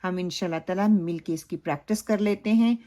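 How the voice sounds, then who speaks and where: A woman's voice: on the low side, mellow. Woman teaching Quran recitation. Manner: explains slowly, then recites phrases drawn out. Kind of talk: recitation lesson with model recitation.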